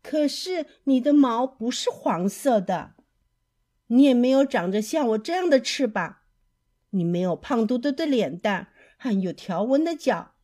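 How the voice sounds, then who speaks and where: A woman's voice: sits high, slow, darkish tone, voice pushed up. A woman voicing a lonely little female bird in a children's storybook, calling out in a pleading, childlike way.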